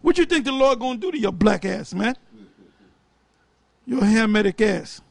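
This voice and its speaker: Very high-voiced scornful man preaching. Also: expressive, vocal fry, no room sound. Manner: scornful and fiery, reads verses slowly and deliberately. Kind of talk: heated religious commentary with scripture reading.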